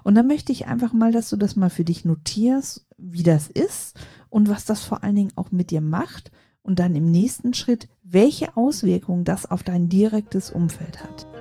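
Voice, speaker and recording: A woman in her forties hosting a coaching podcast, talking calmly and reflectively straight to the listener. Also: mid-range voice, moderate pace, breathy edge, dry recording, studio quality. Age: 40s. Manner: calm, reflective, addresses listener directly. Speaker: podcast host.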